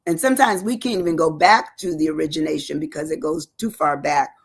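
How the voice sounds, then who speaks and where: A woman's voice: low-pitched, fairly quick, vocal fry, slightly rough. A woman giving a casual spoken lesson from home, repeating and spelling out words with chatty asides. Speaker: educator presenting a word lesson. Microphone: live-stream setup.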